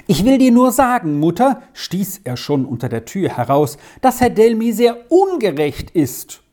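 A woman voicing an excited, defiant young boy who speaks in breathless, indignant outbursts while reading a storybook aloud. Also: fairly low pitch, measured pace. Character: agitated young boy Lex, hot-tempered and defiant.

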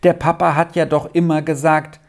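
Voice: mid-range voice, little pitch movement, moderate pace, natural voice. A storyteller voicing a frightened young girl who answers timidly through sobs. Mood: tearful. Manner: timid, sobbing.

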